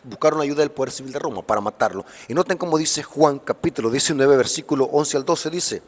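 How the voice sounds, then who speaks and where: A man preaching a sermon-style Bible lesson, emphatic, alternating loud stressed phrases with quieter explanation. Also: mid-range voice, quick pace, long reverb tail.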